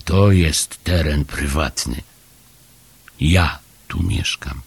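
A man voicing a fussy, reluctant grown-up Hemulen creature in an audiobook story, talking in a slow, grumbling way. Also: extremely low pitch, creaky, husky, exaggerated voice. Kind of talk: audiobook character voice.

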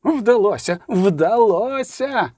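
A shrieking, ecstatic old professor. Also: male voice, sits high, animated, takes it slowly, no echo, clean studio sound, pitched above the performer's own voice, heavily acted. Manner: shouting, jubilant, breathless exclamations. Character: excitable old male professor, ecstatic inventor.

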